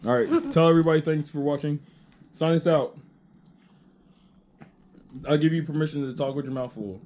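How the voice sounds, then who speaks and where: A man's voice: a little high, animated, moderate pace, a little mellow, a little hiss or hum. A man hosting a casual family vlog as the dad, playfully teasing his kid through a food challenge.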